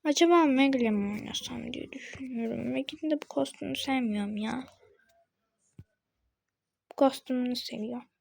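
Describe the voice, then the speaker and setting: A woman giving casual commentary while playing a game, excitable and yelling at her teammates with sudden high shrieks. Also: moderate pace, creaky, pauses often. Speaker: gaming channel host.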